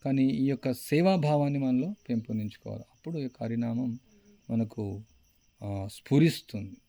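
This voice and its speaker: A man with a Telugu accent giving a devotional lecture as a spiritual teacher, telling stories in an animated way, his voice rising when he gets excited. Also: mid-range voice, moderate pace, gravelly, no room sound. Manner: chants the mantra in a mock-distracted way.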